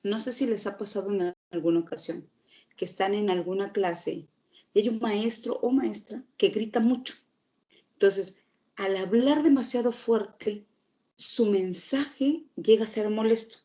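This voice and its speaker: A woman's voice: mid-range voice, warm tone. A woman teacher giving a recorded lecture, explaining steadily and asking the class rhetorical questions.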